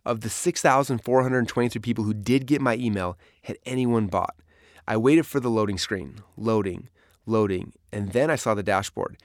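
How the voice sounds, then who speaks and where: A man's voice: on the low side, normal speed, dry recording, clean studio sound. A man reading his own memoir aloud in a storytelling manner. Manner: storytelling, dramatic in places. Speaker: narrator. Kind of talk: memoir audiobook narration.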